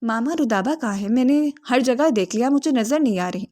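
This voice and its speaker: Possessive young husband, impatient and demanding, complaining tone, storybook reading, voiced by a woman narrator, fairly high voice. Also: animated, a little mellow, natural voice. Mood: worried.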